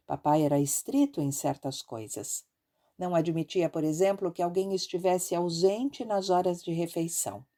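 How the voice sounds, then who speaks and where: A woman narrating an audiobook in a measured, expressive reading style. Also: fairly low pitch.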